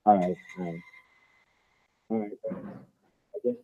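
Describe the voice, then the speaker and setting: A man calling in to a radio show, speaking haltingly with many fillers, his voice muffled as if heard through a wall. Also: sits low, fairly even intonation, dark tone. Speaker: caller. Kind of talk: call-in question to a radio show. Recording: muffled tinny phone line.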